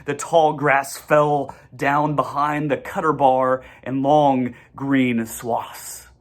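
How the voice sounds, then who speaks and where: A reader with a mid-range voice and level tone narrates a children's storybook aloud. The phrasing is measured and deliberate, with the occasional stumble.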